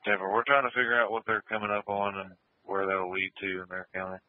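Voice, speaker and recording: An American police radio dispatcher gives terse procedural updates over a scanner, repeating road names. His lowish voice moves quickly with little pitch change, and the radio dispatch microphone yields narrow, tinny audio without echo.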